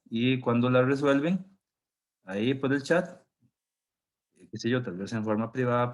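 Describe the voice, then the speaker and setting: A man teaching an online class with a sore throat, clearing it often and explaining slowly step by step. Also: lowish voice. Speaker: university professor.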